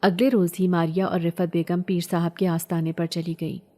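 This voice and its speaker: A woman narrating a horror story in a measured, steady storytelling voice. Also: on the low side.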